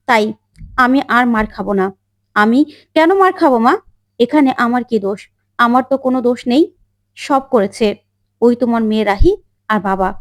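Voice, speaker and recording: A woman's voice: fairly high pitch, dry recording, clean studio sound, natural voice. Woman reading as a bitter, wronged young daughter. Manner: accusing, pleading.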